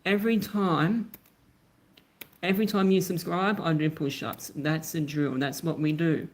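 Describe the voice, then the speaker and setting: Australian man, gravelly voice, casual livestream chat, phone mic, friendly thank-yous to viewers. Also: on the high side, steady tone, a little slow. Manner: chatty, keeps thanking viewers by name. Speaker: YouTuber live-streaming.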